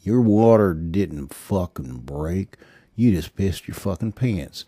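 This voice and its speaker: A man's voice: sits low, lively intonation, slow, warm tone, breathy edge, no room sound, voice pushed down, exaggerated voice. A man voicing a crude, hot-tempered, selfish young man who snarls and swears dismissively in a storybook reading.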